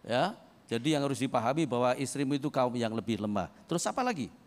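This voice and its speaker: An older man from East Java, a pastor giving a humorous sermon, telling stories and swinging from low asides to loud shouted points. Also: big pitch swings, quick pace. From East Java, Indonesia. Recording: long hall reverb.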